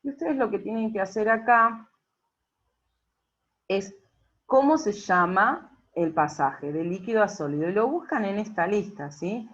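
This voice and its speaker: A woman's voice: mid-range voice, animated, measured pace. A woman teacher explains a worksheet patiently, checking in often with the class. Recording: dull lo-fi recording.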